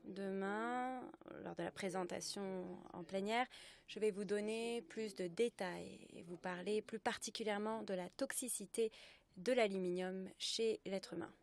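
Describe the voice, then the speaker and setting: Woman interpreting a lecture live, halting phrasing. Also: medium pitch, creaky. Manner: halting phrasing with mid-sentence self-corrections. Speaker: simultaneous interpreter.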